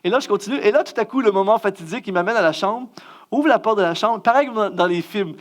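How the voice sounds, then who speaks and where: A middle-aged man with a Quebec French accent giving a self-mocking, story-driven sermon as a guest speaker and musician. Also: fast. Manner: animated, self-mocking, acts out scenes with big pitch jumps.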